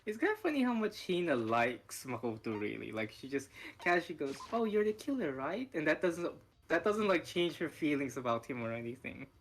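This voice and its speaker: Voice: mid-range voice, sing-song, fairly quick. Brief: dry-humored co-player, voice swooping up and down, casual game banter. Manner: wry, dry asides.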